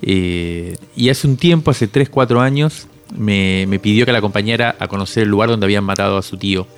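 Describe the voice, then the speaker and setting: A Cuban author in his forties speaks reflectively in an interview, often halting while searching for words. His voice is fairly low and smooth.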